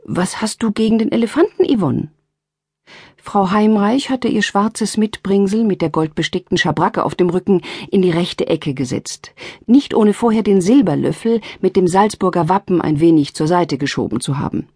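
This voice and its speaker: Woman narrating a humorous audiobook, breathy. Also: normal speed, dry recording, studio quality. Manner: lively, shifts pitch to voice different characters. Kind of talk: scripted narration of a humorous novel. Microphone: close studio mic.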